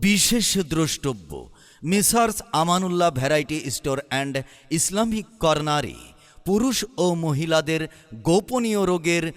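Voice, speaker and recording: Man announcing over a PA loudspeaker. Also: fairly high pitch, lively intonation, long reverb tail. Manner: drawn-out, sing-song announcer listing of goods. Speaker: shop announcer. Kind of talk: loudspeaker shop advertisement.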